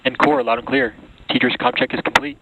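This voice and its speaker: A man's voice: mid-range voice, huge pitch swings, fairly quick, vocal fry. A man in mission control making formal, procedural calls over astronaut radio. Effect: radio transmission. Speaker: spacecraft communicator in mission control. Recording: dull, noisy radio link.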